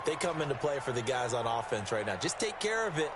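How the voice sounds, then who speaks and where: A man's voice: mid-range voice, very animated, fast talker, natural voice. A man with an American accent acting as a colloquial, explanatory color analyst in a football video game. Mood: analytical. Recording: loud crowd and game noise.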